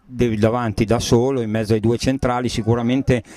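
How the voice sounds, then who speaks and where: A man's voice: medium pitch, flat delivery, fairly quick, mellow. A man giving tactical football commentary, often hesitant as he searches for words. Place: outdoors at a local football pitch.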